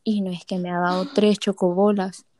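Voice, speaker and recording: A woman's voice: mid-range voice, moderate pace, no room sound. A young woman from Honduras, telling stories in casual chat and acting out the voices she quotes. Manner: animated storyteller, acts out quoted voices.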